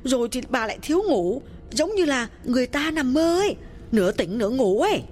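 A man's voice: extremely high pitch, big pitch swings, fairly quick, voice pushed up. A man voicing an eager, anxious young female servant who asks curious, pleading questions.

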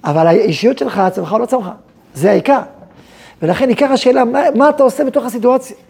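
A rabbi who heads a yeshiva, giving an animated, conversational lecture to students in which he asks questions and answers them himself. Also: extremely high pitch, vocal fry, slightly rough.

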